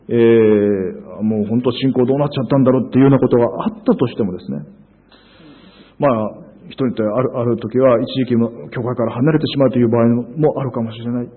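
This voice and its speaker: A man's voice: mid-range voice, husky. A man preaching a sermon in an earnest, emphatic way, with frequent hesitations. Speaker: pastor. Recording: phone-like narrow sound.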